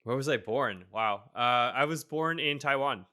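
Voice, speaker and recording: A man in his thirties talks through a video call from home, rambling easily with plenty of fillers and the odd self-deprecating laugh. His voice is bright and crisp, and the recording is dry and close. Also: mid-range voice, a little slow, dry recording. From Boston area, USA. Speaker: guest, tech CTO. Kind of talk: casual interview.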